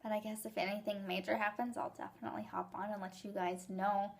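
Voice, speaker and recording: A young woman talking casually to her viewers in a rambling, excited and emotional way, with hiccups. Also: medium pitch, fast, vocal fry. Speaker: vlogger sharing fertility journey. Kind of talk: casual vlog.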